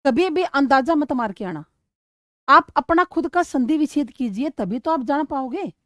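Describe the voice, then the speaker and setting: A woman teaching a grammar lesson for exam preparation. She asks her students questions and answers them herself, repeats key words and sounds out words slowly to show where the stress falls. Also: high voice, lively intonation, no echo, studio quality.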